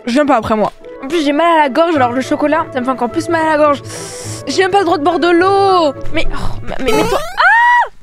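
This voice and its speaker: A woman's voice: sits high, fast talker, music in the background. A young woman YouTuber chatting casually to her viewers, full of fillers and sudden exclamations. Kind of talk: casual vlog chat answering viewer questions.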